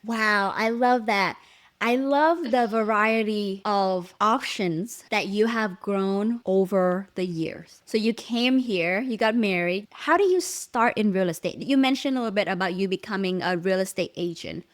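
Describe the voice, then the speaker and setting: A woman's voice: medium pitch, measured pace. A woman in her thirties hosting a podcast interview, upbeat and encouraging. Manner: upbeat and encouraging, soft listening fillers. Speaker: podcast host.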